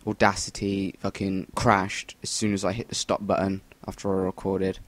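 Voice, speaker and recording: A man's voice: low-pitched, completely flat delivery, normal speed, very noisy. A young English man giving rambling, sweary voice-over commentary on a shooter game into a cheap USB mic. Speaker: gameplay commentator. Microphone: Rock Band USB mic.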